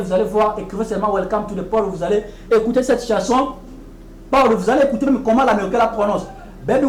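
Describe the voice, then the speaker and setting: A woman giving a televised English lesson, explaining patiently and repeating each English phrase slowly and deliberately. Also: mid-range voice, darkish tone, reverberant, slight background noise, low-quality recording. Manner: explains patiently, often checking with "ok?". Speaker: English teacher.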